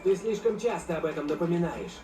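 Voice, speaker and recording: A man's voice: a little high, expressive, fairly quick, lightly acted. A man acting in a video game as a cocky, mocking young rebel with a teasing, sardonic delivery. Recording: echoey, distant sound with game music behind.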